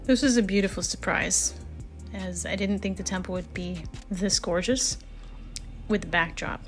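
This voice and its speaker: Casting: American woman, mid-pitched voice, candid conversational motovlog narrator, reflective and self-critical, music behind her. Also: steady tone, normal speed. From California, United States. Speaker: motorcycle vlogger. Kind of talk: reflective personal vlog narration.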